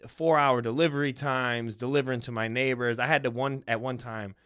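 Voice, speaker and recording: A man in his thirties, a stand-up comedian from South Carolina and Ohio, telling animated stories and swearing freely as a podcast guest. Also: mid-range voice, brisk, clean tone. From South Carolina, then Ohio. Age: 30s. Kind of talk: casual chat.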